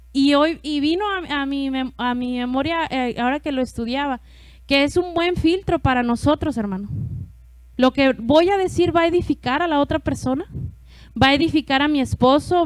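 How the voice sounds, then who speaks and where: A woman's voice: high voice, no room sound. A woman preaching a testimony in church, chatty, laughing often and calling out to her congregation. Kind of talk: testimony sermon.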